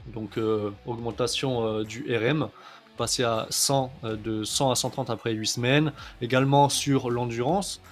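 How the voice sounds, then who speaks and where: A man's voice: mid-range voice, fairly even intonation, measured pace, soft background music. A man coaching on kettlebell training in a casual video lesson, chatty, with many fillers, often checking in with "ok?".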